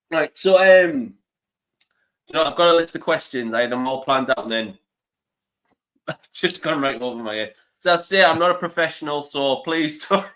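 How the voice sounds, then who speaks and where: A man's voice: a little high, lively intonation, a little slow, long pauses, a bit bright. A man in his thirties, congested with the flu, hosting a casual live interview, chatty and laughing often. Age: 30s. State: stuffy with flu. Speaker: interview host.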